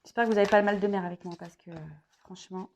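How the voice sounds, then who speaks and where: A hoarse woman giving a casual tarot reading to her viewers, chatty and full of fillers and restarts. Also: medium pitch, fairly even intonation, very fast, a little mellow, a little hiss or hum. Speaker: tarot reader.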